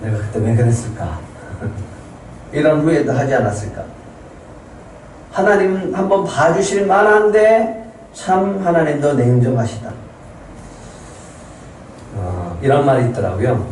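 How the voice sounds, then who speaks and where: A male pastor preaches a Sunday sermon and keeps putting questions to his listeners. His voice sits a little high for a man but sounds mellow and dark. It reaches the mic from a distance through a very echoey church hall. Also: big pitch swings, takes it slowly, long pauses, a little hiss or hum. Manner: asks the congregation many rhetorical questions. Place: church sanctuary.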